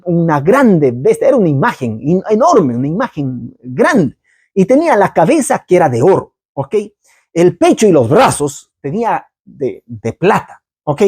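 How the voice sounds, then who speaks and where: A man preaching Bible teaching, who keeps checking in with his listeners and tells the story in a lively way. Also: a little high, slightly rough, dry recording, studio quality.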